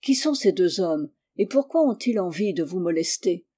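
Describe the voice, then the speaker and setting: A woman's voice: fairly low pitch, lively intonation, normal speed, mellow, husky. A woman voicing a cool, impassive male detective who speaks curtly and sternly.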